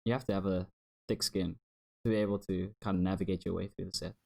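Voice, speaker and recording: A man's voice: sits low, steady tone, quick pace, creaky, a little mellow. A young man co-hosting a podcast in casual chat, rambling, restarting words and laughing often. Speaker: podcast co-host.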